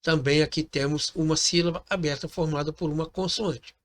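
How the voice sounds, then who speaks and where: A man's voice: a little high, fairly even intonation, normal speed. A man teaching a recorded lesson, patiently explaining step by step and often checking in with his listeners. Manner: patient, repeats points, ends phrases with "tá bom?".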